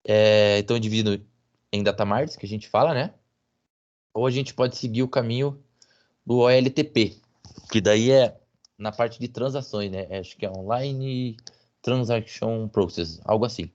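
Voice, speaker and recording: A man's voice: lowish voice, moderate pace, a little mellow. A man giving a technical talk as a guest speaker, hesitant, with many fillers and tag questions, over a video call. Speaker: guest speaker on business intelligence. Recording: muffled lo-fi audio.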